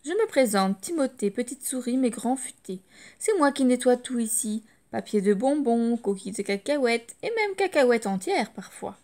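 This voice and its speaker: A woman's voice: fairly high pitch, sing-song, a little mellow. Timothée, a woman doing a cocky little mouse. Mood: friendly boastful. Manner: bold, brisk and cheeky. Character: small, plucky, cocky male mouse.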